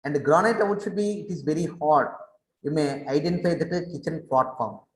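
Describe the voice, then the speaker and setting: A man teaches school science over an online call, repeating each term slowly so pupils can say it after him. His voice sits slightly high and moves very slowly. The room around him rings with echo. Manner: repetitive, mixes English and Telugu, drills pronunciation. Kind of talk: online class lecture. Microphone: online class call.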